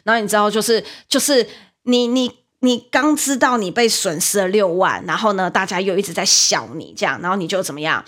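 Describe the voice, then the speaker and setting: A young woman with a Taiwanese Mandarin accent, hosting a podcast and telling a story in a chatty, animated way, with many fillers and repeats. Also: medium pitch, fairly quick. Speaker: podcast host, livestreamer. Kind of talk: casual storytelling monologue.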